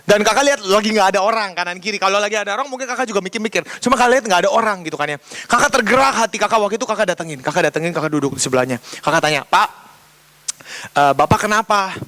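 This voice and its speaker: A man's voice: sits high, racing, pushed and bright. A young man giving a casual youth sermon, telling a story and acting out the dialogue in a chatty way. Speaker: youth pastor. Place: church youth service.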